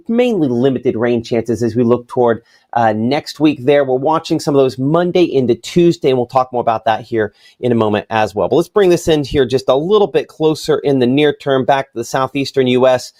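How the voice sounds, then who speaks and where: A man's voice: mid-range voice, fairly quick, a little mellow. A chief meteorologist presents the evening forecast from a TV weather studio. He is a man with a mid-range voice who talks loosely and conversationally, dropping fillers and side remarks as he walks through the maps. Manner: chatty, loose delivery with fillers and asides.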